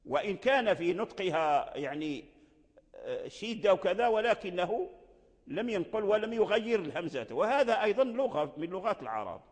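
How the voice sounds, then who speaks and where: A man's voice: high-pitched, animated, moderate pace. Man teaching in a reverberant hall. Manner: explains by repeating each word several times. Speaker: Quran recitation teacher. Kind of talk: classroom lesson explanation.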